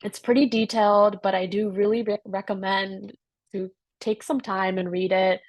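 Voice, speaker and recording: A woman's voice: medium pitch, level tone, normal speed, no room sound. Easygoing woman presenting on a call. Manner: easygoing, with many "um" fillers. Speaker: project manager.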